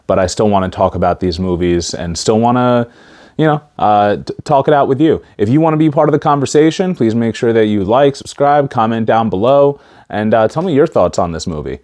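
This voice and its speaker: A man reviewing films casually to camera, speaking haltingly with a stiff mouth after having his wisdom teeth out. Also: mid-range voice, lively intonation, darkish tone. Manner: stiff-mouthed speech after wisdom teeth removal, limited facial mobility. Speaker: YouTube movie reviewer.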